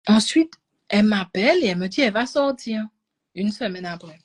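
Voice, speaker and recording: A woman tells a personal story to a live audience, swinging between loud bursts and hushed whispers. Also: mid-range voice, expressive, fairly quick. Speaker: energy healing coach.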